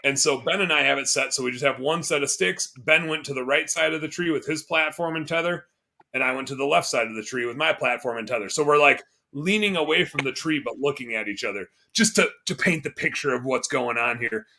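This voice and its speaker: A man co-hosting a casual podcast, telling a hunting story with lively explanations and sudden loud bits of mimicry. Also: medium pitch, a little fast. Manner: animated, explains for listeners, bursts of loud mimicry. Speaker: podcast co-host.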